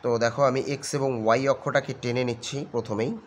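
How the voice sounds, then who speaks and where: পশ্চিমবঙ্গের বাংলা টানে একজন পুরুষ গণিত শিক্ষক ধৈর্য ধরে ধাপে ধাপে অঙ্ক বোঝাচ্ছেন আর বারবার জিজ্ঞেস করছেন ছাত্ররা বুঝল কিনা।. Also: male voice, medium pitch, flat delivery, quick pace, slight background noise. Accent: West Bengal Bengali. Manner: patient, keeps checking understanding with "got it?". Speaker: maths tutor. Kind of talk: step-by-step maths lesson.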